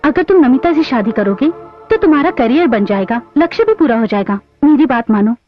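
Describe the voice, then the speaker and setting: A woman's voice: high-pitched, lively intonation, brisk. A woman voicing a young woman who earnestly tries to persuade others, on dull film audio with music.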